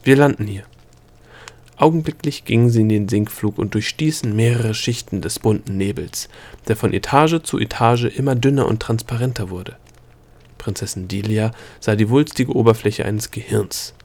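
A man reading a fantasy novel aloud as narrator, calm and even in his storytelling. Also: fairly low pitch, normal speed. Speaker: audiobook narrator. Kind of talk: scripted narration.

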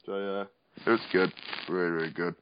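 A man's voice: low voice, flat delivery, brisk, slight background noise. A man co-hosting a casual wrestling chat, rambling and repeating phrases for emphasis. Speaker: podcast co-host. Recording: dull, lo-fi audio.

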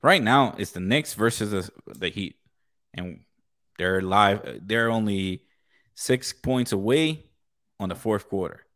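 A man with a fairly low voice, recorded close and dry, chatting about sports. He talks like a laid-back frat bro, swearing casually and tossing in "dude" and "man" as he banters with his co-host. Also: lively intonation, slow pace, fairly bright tone, no room sound. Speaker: co-host of a sports talk live stream.

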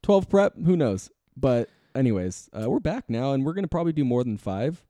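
A young man trades jokes on a casual podcast, laughing often and puffing himself up in mock seriousness. His voice is mellow and dark, recorded dry and close. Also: mid-range voice, very animated, a little fast, no room sound. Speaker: podcast co-host.

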